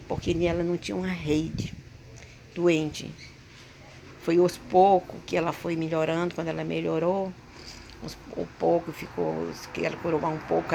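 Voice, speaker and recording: A woman, hosting her own channel and telling a personal story in a halting way, full of restarts and repeated words. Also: low-pitched, gravelly, darkish tone, slight background noise. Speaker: channel host.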